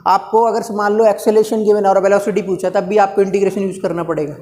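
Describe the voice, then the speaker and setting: A man's voice: high-pitched, level tone, fast, a little mellow. A male physics teacher lecturing a live class, coaxing and teasing his students as he talks through each step aloud. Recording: reverberant classroom, faint background noise.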